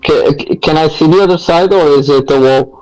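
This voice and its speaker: A man's voice: a little high, fairly quick, a little mellow, soft background music, poor audio. A man playing in a tabletop game, hesitant and often repeating his words. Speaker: player. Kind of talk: casual tabletop play.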